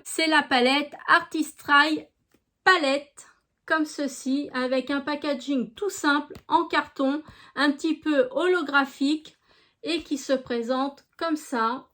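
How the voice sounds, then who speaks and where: A woman with a French regional accent chatting casually through a beauty product review, unhurried, with many fillers. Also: high voice, fairly even intonation, fairly bright tone. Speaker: beauty vlogger.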